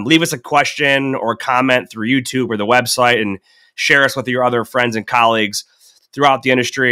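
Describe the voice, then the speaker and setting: A man's voice: medium pitch, clear, resonant tone. Nasal-sounding man hosting a podcast. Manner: relaxed, chatty, with fillers. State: stuffy from a cold. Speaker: podcast host. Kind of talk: casual podcast chat.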